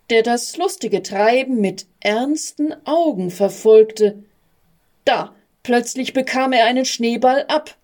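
Slow, mellow woman reading a story. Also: a little high. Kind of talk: read-aloud storybook narration.

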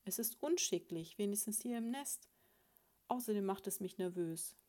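A woman reading a storybook, voicing a prim, self-assured female sparrow who lectures her husband in a patronizing, gently scolding way. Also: medium pitch, lively intonation, normal speed, natural voice. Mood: lecturing.

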